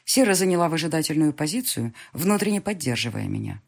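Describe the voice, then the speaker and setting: A woman narrating a first-person story in a low, husky voice. Her delivery is lively and sardonic, swinging widely in pitch. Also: fast talker. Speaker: audiobook narrator.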